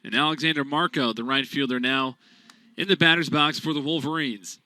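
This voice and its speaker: The voice belongs to a male radio announcer calling college baseball play-by-play a little fast. He holds steady between pitches, then rises loud for big plays.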